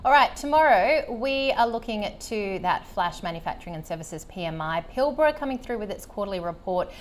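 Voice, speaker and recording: A woman co-hosting a live market wrap, briskly listing stocks with playful banter. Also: mid-range voice, expressive, slight background noise. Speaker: co-host of a markets show.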